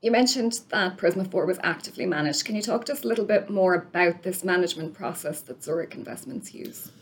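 A woman's voice: fairly low pitch, lively intonation, fast. Woman hosting a scripted finance podcast. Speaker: podcast host. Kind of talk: scripted podcast presenting and interviewing.

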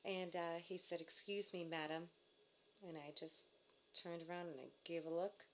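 A woman with a Boston accent, a guest from Lowell chatting casually on a talk show. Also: fairly even intonation, moderate pace, a little hiss or hum. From Lowell, Massachusetts, USA. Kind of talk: casual chat.

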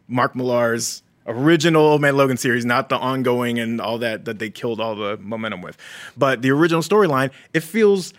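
A man co-hosting a casual chat show, reviewing enthusiastically and rambling with lots of fillers. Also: medium pitch. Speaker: podcast co-host.

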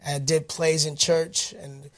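A man from Detroit, a guest actor telling his career story in a casual interview, animated and upbeat, with plenty of fillers and restarts. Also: fairly high pitch, slow pace. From Detroit, United States.

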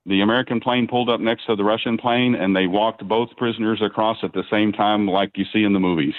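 A middle-aged man with a very low voice speaks haltingly, stopping and restarting his sentences. He comes through a dry, tinny phone line with no room sound. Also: steady tone, dry recording. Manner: halting, many restarts and fillers. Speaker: father of a freed prisoner, guest. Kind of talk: remote news interview.

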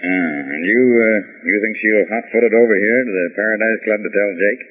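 A man playing a loyal, uneasy older police commissioner in a 1930s radio drama, halting and doubtful. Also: lowish voice, breathy edge, faint music behind. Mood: uneasy, hesitant. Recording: muffled, tinny old radio recording.

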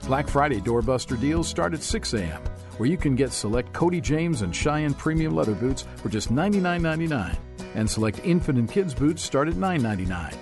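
A man's voice: medium pitch, animated, a little fast. A man announcing a holiday sale ad as a scripted commercial read. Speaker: advertising announcer. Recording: music behind the voice. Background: prominent guitar music.

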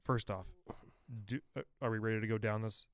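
A man's voice: lowish voice, fairly even intonation, fairly quick, no echo. Male co-host, frat-bro talker, slangy and sweary, clean resonant voice, dry sound. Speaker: talk show co-host. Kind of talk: casual chat with ranting.

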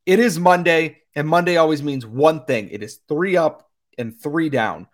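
Slightly hoarse man hosting a sports podcast. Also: fairly high pitch, normal speed. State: slightly hoarse from a lot of talking.

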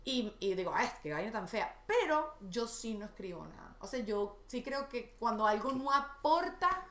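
A Venezuelan woman hosting a podcast, chatting casually in an animated, gossipy way, often mimicking other people. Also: a little high, moderate pace, echoey room, slight background noise. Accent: Venezuelan Spanish. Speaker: podcast host. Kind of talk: casual chat.

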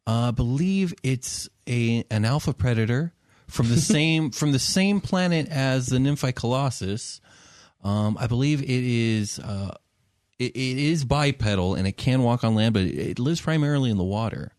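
A man's voice: medium pitch, expressive, moderate pace, a little mellow, dry recording, clean studio sound, natural voice. Man voicing a wary, hesitant woman expert. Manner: hesitant, explanatory. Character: female acquaintance texting back, knowledgeable and wary.

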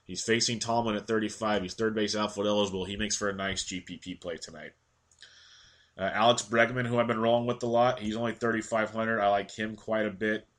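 Congested male host, low-ish voice, quick casual delivery of stats with a ranting streak. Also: fairly even intonation, fairly bright tone. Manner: quick stat-heavy delivery, ranting at times. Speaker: fantasy baseball analyst. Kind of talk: casual daily picks rundown.

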